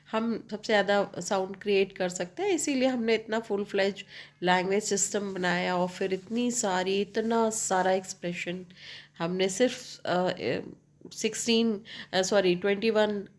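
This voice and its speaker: A woman English teacher, explaining slowly and mixing in English phrases while checking in with her students. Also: medium pitch. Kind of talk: bilingual classroom explanation.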